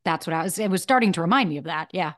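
Candid woman podcast host, low-ish voice. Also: rapid-fire, dry recording, studio quality. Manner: candid, animated storytelling with swearing. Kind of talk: casual interview chat.

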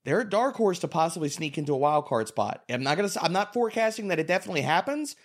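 Slightly high-voiced man talking football stats. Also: very animated, fast. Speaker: fantasy football analyst. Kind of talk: casual sports chat.

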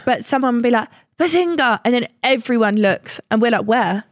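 A young British woman with a fairly high voice, nasal and stuffed up with a cold. She chats casually as a co-host in a blunt, informal, sweary way. The sound is close and dry. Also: steady tone, quick pace, dry recording. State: has a lingering cold. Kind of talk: casual chat.

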